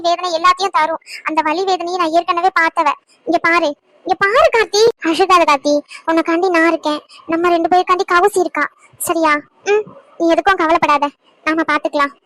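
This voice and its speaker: A woman voicing a very high, comforting cartoon heroine. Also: a bit bright. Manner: soothing, urging. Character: caring young woman, comforting a friend.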